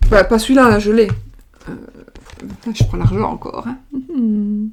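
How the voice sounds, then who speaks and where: A woman's voice: mid-range voice, moderate pace. A middle-aged woman giving a casual tarot reading, talking in a rambling way with many fillers and restarts. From France. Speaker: tarot card reader. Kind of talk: casual card-reading livestream. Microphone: webcam or desk mic, video call style.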